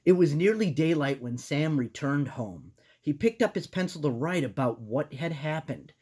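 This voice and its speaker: Husky, low-pitched, very animated woman storyteller. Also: normal speed. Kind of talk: animated children's story narration.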